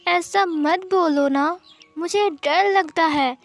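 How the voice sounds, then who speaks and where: A woman voicing a tearful, sulky five-year-old boy in a slow, high, whiny childlike voice, in fan fiction audio storytelling. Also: heavily acted. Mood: scared. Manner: pouting, tearful complaints.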